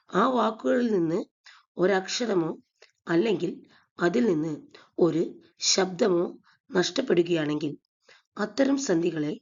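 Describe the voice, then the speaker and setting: A woman teaching an exam-prep grammar lesson, slow and deliberate, repeating each example. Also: fairly low pitch, gravelly, a little mellow, breathy edge. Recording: dull lo-fi recording.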